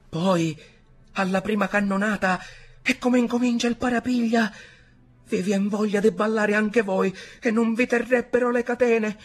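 A man voicing an excitable young sailor recounting a sea battle, with vivid, rising storytelling. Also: high-pitched, voice pushed up.

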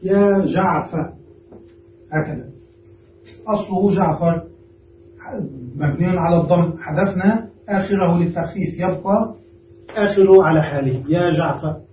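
Male grammar teacher, high-pitched, explains patiently step by step and checks in with students; recorded far off in an echoey room. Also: normal speed. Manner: explains step by step, often asks the class "understood?". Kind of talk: classroom grammar lesson. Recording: roomy, distant, dull lo-fi room recording with faint noise.

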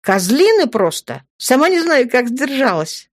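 A woman doing a feisty, high-voiced girl. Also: sing-song, unhurried, exaggerated voice. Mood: indignant. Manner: indignant and exclaiming. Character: feisty, hot-tempered young woman.

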